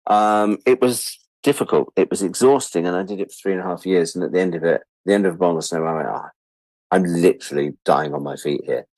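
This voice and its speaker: Speaking fairly quickly in a deep, slightly mellow voice, a British man of about sixty is interviewed as a freelance media producer. The recording has no room sound but poor audio, and his talk is casual, reflective, candid and wry, with words repeated for emphasis.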